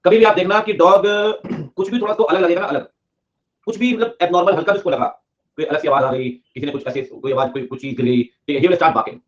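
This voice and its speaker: A male teacher giving a classroom lecture, joking and urging students to answer quickly, mixing English terms into his talk. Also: a little high. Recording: muffled lo-fi sound.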